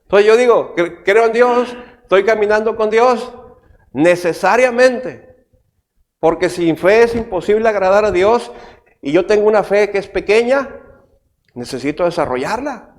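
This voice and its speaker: A middle-aged man preaching a sermon as pastor, animated and asking the congregation frequent rhetorical questions. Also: high-pitched, normal speed.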